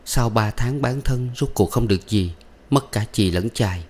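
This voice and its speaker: A man voicing a sorrowful young woman who talks softly and bitterly. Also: lowish voice, moderate pace, close to an everyday voice. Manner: soft, bitter.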